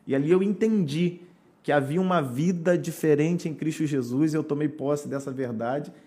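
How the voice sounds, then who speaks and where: A man's voice: a little high, normal speed, mellow. A man, a pastor, telling his conversion story on a podcast in an earnest, preacherly way. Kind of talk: podcast testimony.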